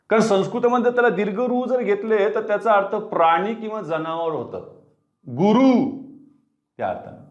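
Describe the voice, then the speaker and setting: A man teaching a grammar lesson online, explaining step by step and asking his students questions. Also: sits high. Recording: dull, roomy sound.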